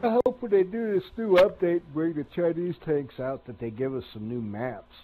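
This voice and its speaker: A man's voice: fairly high pitch, normal speed, phone-quality sound, faint music behind. A man streaming a tank game, giving casual commentary with grumbling, sarcastic asides.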